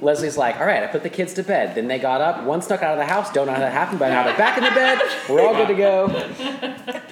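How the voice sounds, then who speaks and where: A man in his early thirties talks quickly and with a lively, swinging pitch in a casual chat. He sounds animated as he tells stories. The room is echoey, and other people chatter in the background. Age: 30s.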